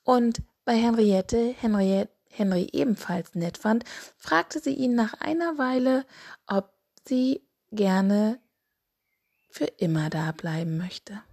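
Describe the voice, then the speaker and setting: A woman reading a children's bedtime story aloud in a gentle, calm way. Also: medium pitch, slow.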